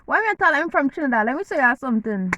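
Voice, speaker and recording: Jamaican woman vlogger, high and bright, teasing casual delivery. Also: very animated, fast talker, dry recording, low-quality recording. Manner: playful, teasing, eating while talking. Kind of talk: casual chat to camera.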